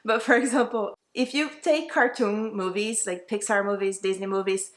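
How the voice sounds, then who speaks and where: A young woman speaking with a Brazilian Portuguese accent, Portuguese being her native tongue, reviews a book in a casual, excited way that meanders and self-corrects. She talks at a moderate pace in a medium-pitched voice with fairly even intonation.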